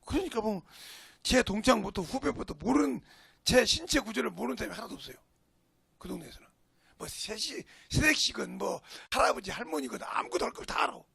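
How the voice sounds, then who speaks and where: A middle-aged male pastor preaching a sermon in a church, telling a personal story in a folksy way and swinging between shouts and hushed whispers. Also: high-pitched, sing-song, fairly quick, creaky, husky, no echo. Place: church sanctuary.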